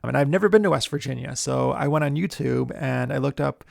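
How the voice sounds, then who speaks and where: A man who hosts a screenwriting show, giving writing tips in a relaxed, chatty way. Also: mid-range voice, quick pace, creaky, no echo, clean studio sound. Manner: relaxed, chatty, many fillers. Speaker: screenwriter and podcast host. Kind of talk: casual instructional talk.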